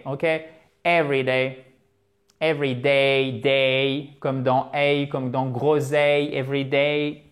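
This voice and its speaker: Man, English teacher, chatty online lesson, fairly high voice. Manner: lively, chatty, with asides to viewers.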